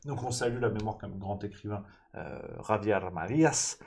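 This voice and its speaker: A man's voice: fairly low pitch, normal speed, creaky, darkish tone. A man hosting a live-streamed morning press review in a loose, joking way, reading out chat messages and thanking subscribers.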